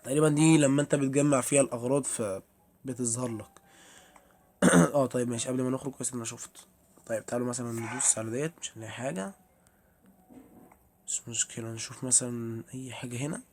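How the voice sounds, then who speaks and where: There's slight background noise as this young Egyptian Arabic-accented streamer plays a horror game and chats with viewers. He talks fast yet leaves long pauses, his mid-range voice darkish, and he startles easily.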